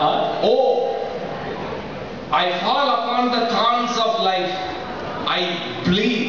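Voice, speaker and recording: A man with a Tamil Indian accent giving an emphatic, deliberate university lecture on literature, repeating phrases for effect. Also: sits high. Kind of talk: lecture with recited poetry examples. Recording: very echoey hall, distant mic, muffled, noisy.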